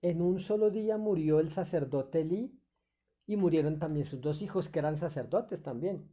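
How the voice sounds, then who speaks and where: A man's voice: on the high side, normal speed, warm tone, slightly rough. A male pastor preaching a sermon off the cuff, full of fillers, restarts and rhetorical questions.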